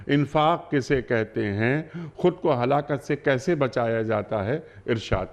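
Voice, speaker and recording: A man from Pakistan hosting a religious TV program in a formal, polite manner, reading out quiz questions and contact numbers. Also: medium pitch. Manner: polite, formal address to guest. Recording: dull lo-fi broadcast audio.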